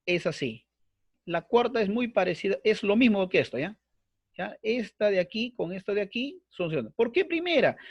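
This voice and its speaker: A Peruvian man teaches a Bible course online, his voice fairly high-pitched with no room sound. It's an online lecture with screen sharing, where he explains at length, repeats himself, and uses lots of fillers.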